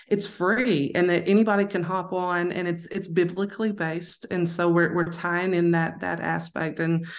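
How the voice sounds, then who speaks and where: A woman with a Southern accent, a life coach talking frankly and upbeat in a casual interview, often restarting and asking "right?". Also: lowish voice.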